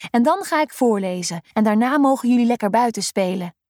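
A woman's voice: on the high side, expressive, fairly quick, darkish tone, no room sound, studio quality, close to an everyday voice. A woman voicing a kind, caring schoolteacher in a children's story. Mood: cheerful.

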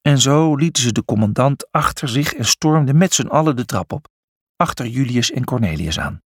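Animated, husky male audiobook narrator. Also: medium pitch, normal speed, no echo, clean studio sound. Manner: expressive, animated reading. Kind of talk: scripted storybook narration.

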